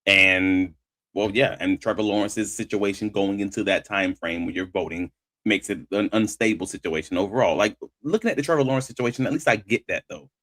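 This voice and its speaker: A man's voice: lowish voice, fairly quick, fairly bright tone, no room sound. A man hosting sports talk, giving conversational analysis and stressing his key points as he argues them. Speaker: sports talk show host.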